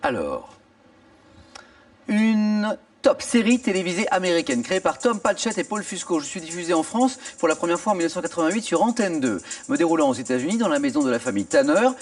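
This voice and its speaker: A man's voice: high voice, fairly quick. A man hosting a television quiz show in a studio, reading clues theatrically and cheering contestants on. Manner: animated, theatrical, exclaiming. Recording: from a distance over music and audience. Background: theme music and studio audience.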